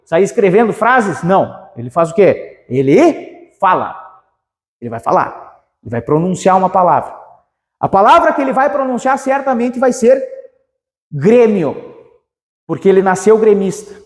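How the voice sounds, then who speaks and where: A man teaching a grammar lesson for exams, energetic and playful, stretching out key words. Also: high-pitched, moderate pace, pauses often, in a large hall. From southern Brazil. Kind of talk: exam-prep grammar lesson.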